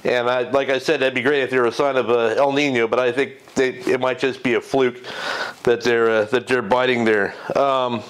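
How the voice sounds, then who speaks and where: A middle-aged man with a mid-range, clear and resonant voice gives a casual, unscripted fishing report from his home garage, standing before a green screen. He speaks at normal speed with fairly even intonation into a lapel mic, rambling with lots of fillers, restarts and self-corrections.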